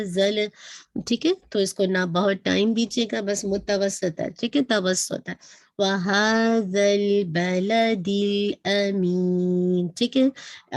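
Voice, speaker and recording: A woman's voice: medium pitch, darkish tone, no room sound, clean studio sound. A woman teaching Quran recitation in an online lesson who patiently demonstrates each sound and keeps checking back with her students.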